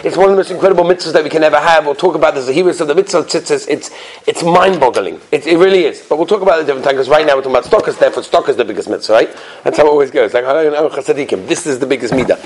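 Speaking a little high and rapid-fire, a man with a Yiddish-influenced American accent leads a religious lesson as a rabbi. He poses rhetorical questions in a sing-song way and repeats points emphatically to make the class lively.

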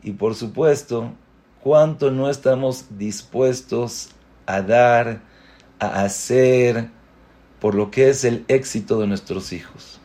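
Slow, earnest man teaching a religious lesson. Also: warm tone. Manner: earnest, rising to emphatic high-pitched peaks on key points; asks rhetorical questions and repeats words for emphasis. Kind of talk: spoken Torah lesson.

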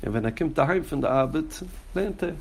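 A man's voice: a little high, animated, fairly quick, a little hiss or hum. A man teaching a Torah class as a rabbi, speaking directly to his students and chanting quoted texts in a raised, sing-song voice. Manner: addresses students directly by name.

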